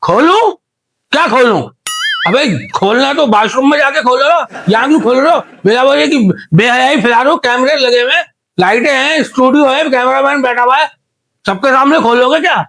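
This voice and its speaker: An actor playing a deaf man in a comedy interview, who mishears every question and rambles loudly and indignantly. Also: very high-pitched, moderate pace, vocal fry, exaggerated voice. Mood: scolding. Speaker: guest character in comedy interview. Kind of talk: comedy sketch acting.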